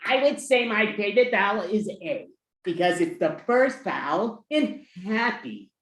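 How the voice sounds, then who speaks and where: A performer putting on a slow, gushing, sing-song Baby New Year voice, recorded in an echoey room. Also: mid-range voice, lively intonation, fairly bright tone.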